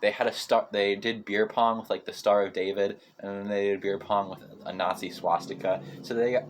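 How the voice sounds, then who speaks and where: A young man in his teens, a podcast guest making blunt, deadpan jokes in casual chat. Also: fairly low pitch, moderate pace.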